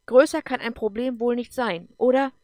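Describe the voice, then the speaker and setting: A woman's voice: mid-range voice, normal speed, dry recording, close to an everyday voice. A woman voicing an emotional, defensive female leader in an audiobook, talking heatedly and then apologetically. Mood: bitter, sharp.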